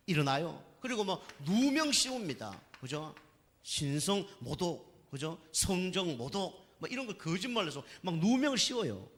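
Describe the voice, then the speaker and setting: A man's voice: on the high side, fairly bright tone. A male pastor giving a Sunday sermon in a folksy, storytelling way, often asking the congregation for agreement. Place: church sanctuary. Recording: church hall with long reverb.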